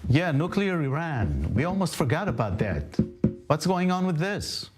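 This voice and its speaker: A man's voice: a little high, very animated, moderate pace, loud music behind the voice. A man hosting a news panel, asking brief conversational questions. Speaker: news anchor.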